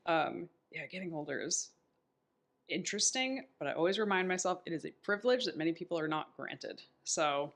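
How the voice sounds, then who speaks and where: A woman in her thirties hosts a podcast in a casual-chat format, chatty and upbeat, telling stories sprinkled with quoted asides. Her voice sits on the low side but has a fairly bright tone, with lively intonation and a brisk pace.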